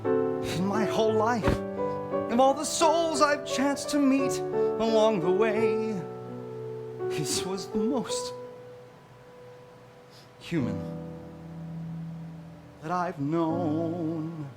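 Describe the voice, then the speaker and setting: A man playing a grieving starship captain in a musical, tender and halting, half spoken and half sung, recorded live. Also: high-pitched. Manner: slow, halting, heartfelt. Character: starship captain grieving his dead friend, tender, solemn. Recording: live staged reading with loud piano. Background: piano accompaniment.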